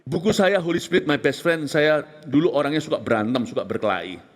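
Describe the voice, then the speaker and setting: A man preaching a passionate sermon, moving between raised exclamations and hushed, whispered moments. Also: a little high, a little fast. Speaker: pastor.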